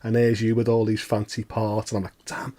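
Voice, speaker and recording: A man's voice: fairly low pitch, completely flat delivery, brisk, mellow. A man who is a guest in a casual chat, joking in a self-deprecating way.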